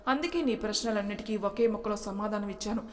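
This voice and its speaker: A woman's voice: mid-range voice, quick pace, close to an everyday voice. A woman voicing a protective young man who speaks firmly but tenderly, in a storybook reading. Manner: firm, commanding yet gentle. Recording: reverberant room.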